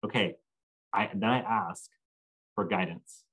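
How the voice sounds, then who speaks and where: Entrepreneur guy on a podcast, lowish voice, thoughtful and chatty. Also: a little fast, poor audio. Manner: reflective, animated when telling anecdotes. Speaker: guest, entrepreneur. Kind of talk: podcast interview.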